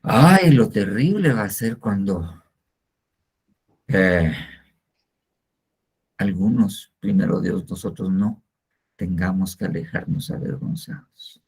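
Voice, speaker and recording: A man's voice: low voice, animated, slow, long pauses, darkish tone, breathy edge. An older man teaching a church discipleship class in a rambling, repetitive way, full of hesitant fillers. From Guatemala. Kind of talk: informal sermon teaching. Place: church class, not seen.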